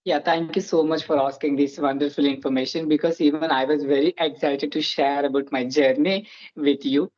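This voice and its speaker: The lo-fi recording captures a mid-range, darkish voice at normal speed with fairly even intonation. Its owner, a Telugu native in their twenties with a matching Indian accent, hosts an earnest, casual interview chat, beginning many phrases with "so."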